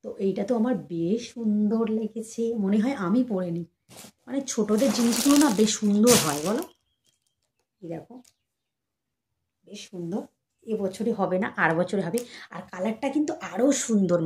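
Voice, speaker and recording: A young woman chatting casually to her viewers, showing gifts for her baby and keeping her voice soft so the child sleeps. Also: medium pitch. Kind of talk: casual chat to camera.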